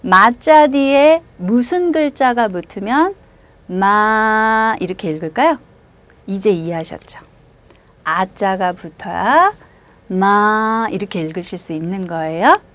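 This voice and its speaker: A woman teaching a language lesson, giving slow, drawn-out model pronunciations and patient explanations. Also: mid-range voice, expressive. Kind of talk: classroom lecture.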